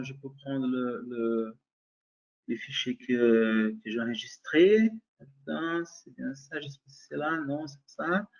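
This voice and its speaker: In a software demonstration webinar, a man with a Brazilian accent and a medium-pitched voice presents hesitantly, full of fillers and restarts. He frequently checks in with listeners, and the audio sounds dull.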